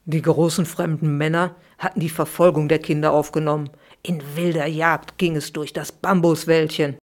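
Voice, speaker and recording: For a podcast, a middle-aged children's author performs her own bedtime story with lively expression. Her voice sits low and she reads at a moderate pace.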